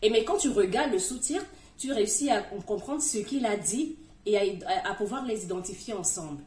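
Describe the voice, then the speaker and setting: A woman's voice: medium pitch, animated, moderate pace, darkish tone. A woman hosting a casual advice video, chatting directly to the viewer as she gives learning tips. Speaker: video host giving language tips. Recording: echoey room, voice from a distance.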